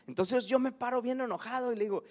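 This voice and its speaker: A man's voice: extremely high pitch, quick pace. A man with a Mexican accent preaching a conversational sermon, asking his congregation questions and acting out stories from his childhood. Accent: Mexican Spanish. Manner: conversational, acts out anecdotes and asks the congregation questions. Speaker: pastor.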